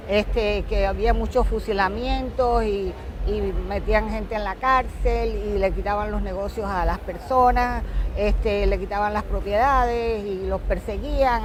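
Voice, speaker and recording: A woman in her seventies, born in Cuba, telling her family's story in an interview, with many fillers and an unhurried pace. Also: mid-range voice, noisy background. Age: 70s. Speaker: author.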